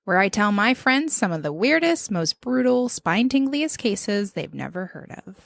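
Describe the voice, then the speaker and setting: A woman hosting a podcast in casual chat, an animated storyteller who laughs often. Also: medium pitch, moderate pace, vocal fry, no room sound. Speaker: podcast host.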